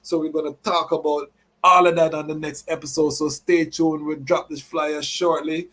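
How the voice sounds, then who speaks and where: A man's voice: on the high side, little pitch movement, moderate pace, a bit bright. A man hosting a live show, mixing announcements with Rastafari reasoning in Rastafarian idiom and repeated catchphrases. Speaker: podcast host.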